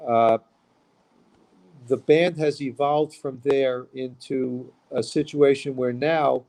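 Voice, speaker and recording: A man's voice: medium pitch, steady tone, slow pace, a little mellow. A man from Queens, a musician talking casually as an interview guest. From Queens, New York.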